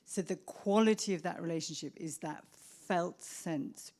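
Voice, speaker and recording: Woman, psychotherapist, slightly low voice, measured, reflective, restarts sentences. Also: darkish tone. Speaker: psychotherapist speaker. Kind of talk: Q&A answer at a professional event.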